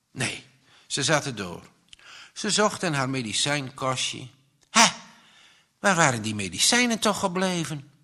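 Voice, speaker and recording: A man reads a story aloud with a slow, expressive delivery. His voice is bright and a little high for a man, with a lively rise and fall in pitch. He leaves dramatic pauses between phrases.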